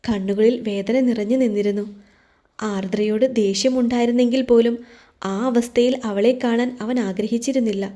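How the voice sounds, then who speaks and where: A woman storyteller giving a steady, emotive scripted narration of a romance novel. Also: fairly high pitch, moderate pace.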